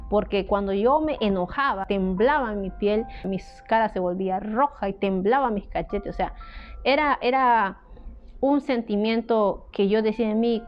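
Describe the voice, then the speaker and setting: A woman with a Peruvian Spanish accent delivers a heartfelt sermon testimony at a mid pitch. She talks slowly and haltingly, often checking in with a questioning "right?". The audio is dull and lo-fi, with soft music underneath. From Peru. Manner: earnest, slow and halting, often asking "¿no?". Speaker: ministry speaker.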